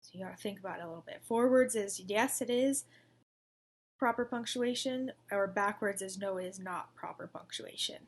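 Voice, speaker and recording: A young woman with a medium-pitched voice teaches second graders at a moderate pace. It's a recorded distance-learning lesson, and she keeps things upbeat and coaxing.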